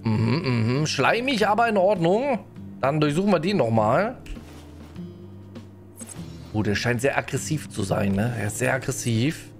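Over faint music, a man with a medium-pitched, very animated voice talks a little slowly and leaves long pauses. He's streaming a game live, greeting viewers and chatting as he plays, often tacking a questioning "ne?" onto his sentences.

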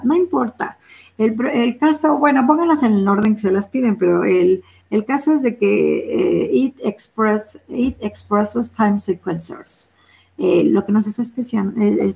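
Gravelly-voiced woman teaching English. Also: medium pitch, a little mellow. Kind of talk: bilingual classroom explanation.

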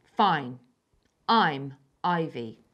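A wild ten-year-old forest girl from a storybook, firm and determined, as a young girl reads her part. She speaks loudly and slowly, pressing each question. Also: on the high side, very animated, breathy edge, dull audio, pitched above the performer's own voice, exaggerated voice. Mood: firm, demanding. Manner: loud, slow, determined.

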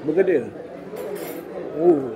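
A man's voice: a little high, expressive, slow, highs cut off. Malaysian man reviewing food in busy cafe. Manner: mixes Malay and English, savouring with hums between bites. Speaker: food vlogger. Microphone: phone camera at table. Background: loud diner chatter.

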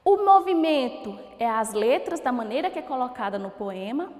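A Brazilian woman teacher giving a recorded lesson to children, slowly sounding out words syllable by syllable and asking encouraging questions. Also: a little high, expressive, darkish tone. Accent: Brazilian Portuguese. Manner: slow, drawn-out syllable-by-syllable word pronunciation; encouraging, asks questions and praises. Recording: echoey room with long reverb.

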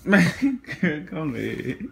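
A man's voice: fairly high pitch, sing-song, very slow, gravelly, a bit bright, a little hiss or hum. A young man filming his girlfriend on his phone, teasing her and laughing constantly. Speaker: boyfriend filming a surprise. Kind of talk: casual teasing vlog chat. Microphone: phone camera held while filming.

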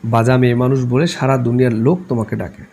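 A man voicing a scolding, sharp-tongued old grandmother in a read-aloud novel, shrill and scornful. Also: fairly even intonation, quick pace, a little hiss or hum, natural voice.

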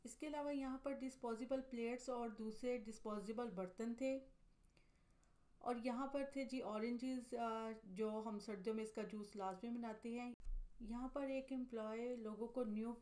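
Woman vlogger, somewhat high voice, even scripted voice-over, matter-of-fact price listing. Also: normal speed. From Pakistan. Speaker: vlogger, mother. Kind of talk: scripted voice-over narration of a store tour.

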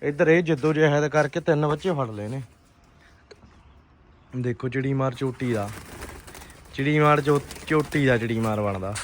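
A man giving casual, animated vlog commentary, often repeating short phrases. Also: mid-range voice, moderate pace, pauses often, a little hiss or hum. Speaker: pigeon keeper and vlogger.

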